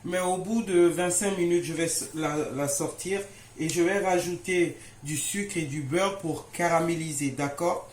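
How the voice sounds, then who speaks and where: With a lowish, darkish tone and an unhurried manner, a woman walks viewers through a casual baking tutorial in her home kitchen. She chats like she's among friends and checks they're following, though the room echoes and faint noise lingers.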